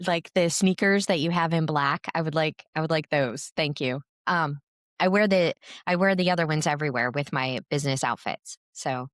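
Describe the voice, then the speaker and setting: A woman's voice: low voice, normal speed, no room sound, clean studio sound. A woman co-hosting a podcast, telling a long story in casual chat with lots of fillers and restarts. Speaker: podcast co-host.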